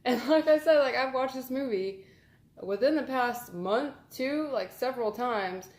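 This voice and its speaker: A woman's voice: high voice, lively intonation, a little slow, a little mellow. A woman, chatting casually for her vlog in a rambling, filler-heavy, amused way. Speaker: vlogger. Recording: roomy echo.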